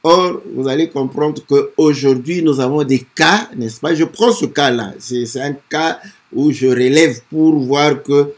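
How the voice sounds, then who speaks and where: A man commenting on a hymn in a hesitant sermon style, filling pauses with frequent fillers. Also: a little high. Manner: hesitant, many "euh" fillers and "n'est-ce pas".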